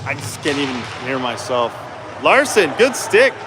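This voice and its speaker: A man calls live hockey play-by-play in a casual, colloquial, chatty style full of exclamations, his mid-range voice very animated at a normal speed. His voice echoes through a noisy indoor rink, with clear rink ambience, clattering, and music in the background.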